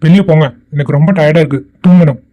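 A man's voice: a little high, fairly even intonation, fast talker, muffled recording, lightly acted. A man voicing a lazy young college student, whiny and petulant.

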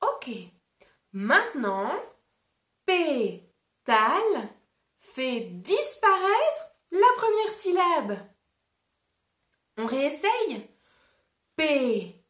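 A woman reading a picture book aloud to a young child, patiently pausing to ask questions. Her voice is high and very animated, and she takes her time. A roomy echo surrounds her. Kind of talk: interactive read-aloud.

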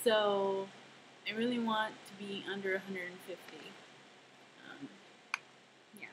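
Woman, casual home vlogger, rambling and self-deprecating, mid-pitched voice, hissy home recording. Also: fairly even intonation, a little slow. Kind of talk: casual weight-loss video diary. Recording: noisy home camera recording.

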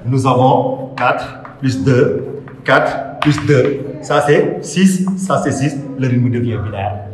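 A man's voice: medium pitch, darkish tone. A man teaches poetry in a lecture, a didactic voice that keeps asking a question and then answering it. He repeats key terms as he works through his points. His voice rings through a bare room with a long echo. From Senegal. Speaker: literature teacher. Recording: echoey room with long reverb.

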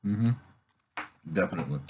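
A man's voice: deep voice, animated, moderate pace, noisy background. A father chatting casually through a mouthful of candy, humming and mm-hmming eagerly. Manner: enthusiastic, lots of hums and mm-hmms. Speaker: father doing a taste test with his child. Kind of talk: casual video chat.

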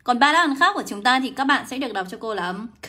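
A young woman runs a live English lesson. Her voice is bright and a little high, and she talks in a brisk, coaxing way. She keeps calling out to her viewers by name as she goes. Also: lively intonation. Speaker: English teacher. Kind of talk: livestream lesson.

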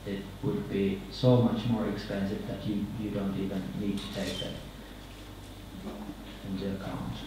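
A man in his thirties with a Finnish accent gives a halting conference presentation, often repeating words and letting his phrases trail off. His voice sits a little low. It rings through a large, echoey hall, picked up from some distance over steady background noise. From Finland. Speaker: conference speaker. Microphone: podium microphone.

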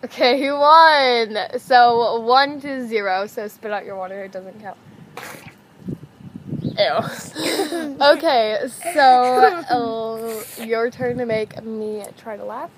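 A woman's voice: a little high, slow, a crowd in the background. A teenage young woman chatting casually as host of a challenge vlog outdoors, with stifled giggles breaking into her talk. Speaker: video host. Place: outdoors on a house patio. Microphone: camera mic at table distance. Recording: noisy outdoor camera recording.

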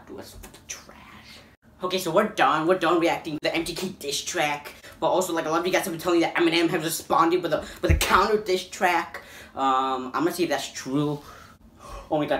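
A man hosting a reaction video, excitable and swearing constantly, breaking into loud yelps of disbelief. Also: on the high side, a little hiss or hum. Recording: echoey room.

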